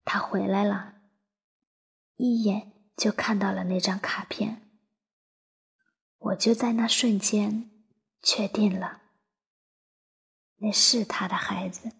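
Slow, breathy woman reading a story. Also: mid-range voice, fairly even intonation. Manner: soft, breathy, half-whispered delivery. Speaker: story narrator. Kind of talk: emotional first-person story reading.

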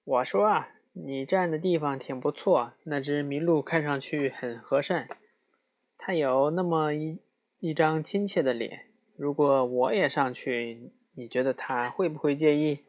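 A man reading aloud, voicing a small, soft-spoken tree spider with a small voice. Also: on the high side, measured pace. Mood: gentle.

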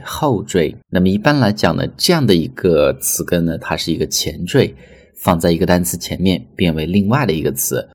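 Deep-voiced male English teacher. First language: Chinese. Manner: explanatory, repeats example words. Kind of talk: pronunciation lesson.

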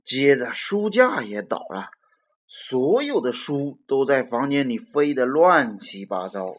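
A storyteller reading a children's picture book aloud, animated and acting out the characters. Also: mid-range voice, takes it slowly.

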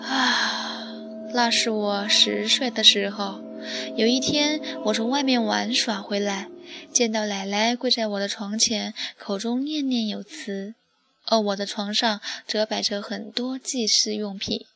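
A woman telling a first-person ghost story in a slow, measured way. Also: medium pitch, fairly even intonation, gravelly. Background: background music.

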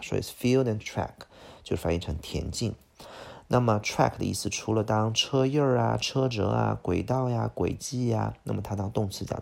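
Gravelly, husky-voiced man teaching English vocabulary. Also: fairly low pitch, darkish tone. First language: Chinese. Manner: explains each word, repeats pronunciations, frequent "OK". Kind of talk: vocabulary lesson.

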